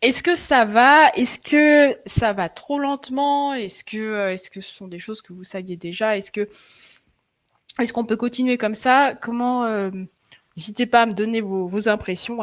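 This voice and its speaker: A woman's voice: fairly high pitch, a little slow. A young adult woman presenting a live online tech session, talking hesitantly with many fillers and restarts, checking in with her viewers, her throat slightly sore. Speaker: frontend developer presenting a live webinar.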